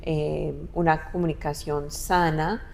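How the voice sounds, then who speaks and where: Slow, low-voiced young woman, hesitant. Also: little pitch movement, creaky, a little mellow, slight background noise. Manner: hesitant, searching for words, frequent restarts. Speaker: guest, adult daughter. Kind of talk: casual podcast conversation.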